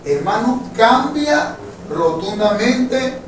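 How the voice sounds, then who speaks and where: A man's voice: very high voice, sing-song, takes it slowly. Man teaching a church class, echoey hall. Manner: conversational, addresses listeners as brothers, asks for agreement often. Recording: very echoey hall, distant mic, faint noise.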